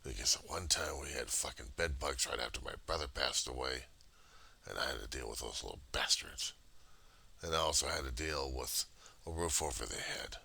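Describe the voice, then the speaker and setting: A man giving a casual, profane confessional monologue in a halting, raw and emotionally weary way. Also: extremely low pitch, vocal fry, bright, forceful tone, slightly rough. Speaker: personal video diarist.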